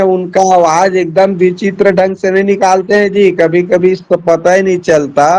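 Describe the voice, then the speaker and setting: A man's voice: sits high, a little mellow, poor audio. A middle-aged man teaching a Hindi class, patiently walking his students through answer options one by one. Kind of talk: classroom lesson over a call.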